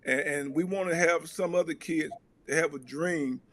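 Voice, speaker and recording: Middle-aged male coach, earnest and repetitive, voice on the higher side. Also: moderate pace. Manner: earnest, repeats words when excited. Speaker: coach and father of an athlete. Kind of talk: casual talk show chat.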